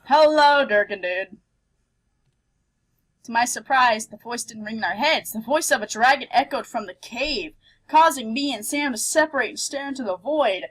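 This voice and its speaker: A playful, expressive woman hosting a let's play, switching between reading game text aloud and casual commentary. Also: a little high, fairly quick, slightly rough, rough recording.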